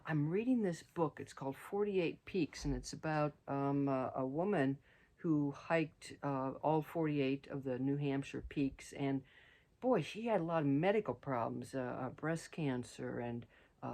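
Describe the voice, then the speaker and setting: A woman's voice: extremely low pitch, vocal fry, warm tone. A middle-aged woman vlogging casually outdoors on a mountain trail, rambling with many fillers and restarts. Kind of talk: casual hiking vlog.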